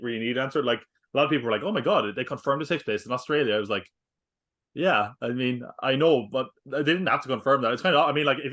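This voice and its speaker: A man's voice: medium pitch, fairly bright tone. A man co-hosting a film podcast, talking casually in a rambling way, full of fillers and jokey asides. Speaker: podcast co-host. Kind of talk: casual film review chat.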